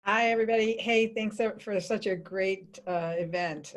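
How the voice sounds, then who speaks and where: A woman attorney introducing herself on a panel, friendly and businesslike, spelling out her contact details slowly. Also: fairly low pitch. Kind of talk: brief panel introduction and advice.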